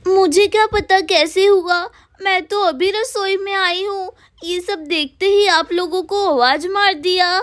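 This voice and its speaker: A woman voicing a busy, put-upon young village daughter-in-law in a doll cartoon, hurried and complaining. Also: very high voice, steady tone, no echo, studio quality. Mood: defensive.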